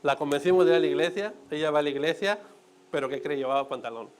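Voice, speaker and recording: A man's voice: fairly high pitch, fast talker, smooth. A man with a Mexican accent preaching a conversational sermon in church, with joking asides and frequent checks on his listeners.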